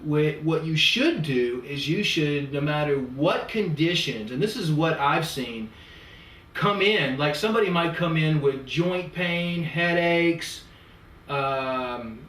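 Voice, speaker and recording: In an echoey room with a distant mic, a man speaks slowly and expressively in a fairly bright voice on the high side. He's a natural health practitioner in a client consultation, explaining his methods in a lecturing style full of long lists and analogies.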